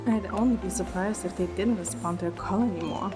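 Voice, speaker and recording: Over background music, a woman speaks a little fast in a natural, medium-pitched voice. She plays a teasing, playful young heroine telling her own story in first person for an audio drama, keeping the narration gentle.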